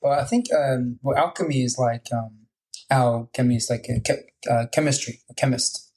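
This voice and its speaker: A male podcast host with a mellow, dark-toned voice and a mid-range pitch. He talks with keen enthusiasm in a loose, casual way and leans heavily on "like" as a filler. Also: fairly even intonation, normal speed, low-quality recording.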